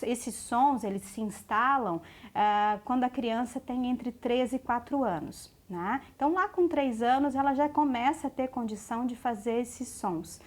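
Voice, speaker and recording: A Brazilian woman with a slightly high voice talks to families as a speech therapist. She explains patiently, often checks in with a quick question, and slows down when she gives a warning. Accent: Brazilian Portuguese. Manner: explanatory, frequent tag questions "né?" and "ok?". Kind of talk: educational talk to parents.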